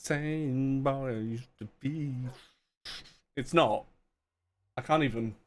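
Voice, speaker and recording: On a live game stream, a man chats casually as he plays, rambling, poking fun at himself, and laughing a lot. His voice is medium-pitched and slow.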